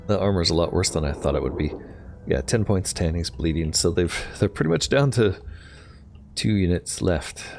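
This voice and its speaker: A man's voice: a bass voice, vocal fry. A man giving casual gameplay commentary, thinking aloud tentatively as he plays. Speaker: gamer narrating own play.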